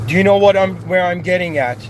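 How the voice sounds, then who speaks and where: Man, spiritual monologue, impassioned, searching, restarts, slightly high voice, faint traffic outdoors. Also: quick pace. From Iran, raised in Canada. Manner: impassioned, searching, with many restarts and rising outbursts. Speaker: spiritual speaker.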